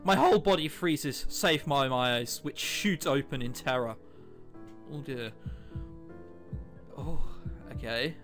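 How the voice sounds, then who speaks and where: Reading through a visual novel over background music, a male let's player tosses in wry, chatty comments between lines and occasionally trips over his words. He speaks in a mid-range, fairly bright voice, slowly, with long pauses.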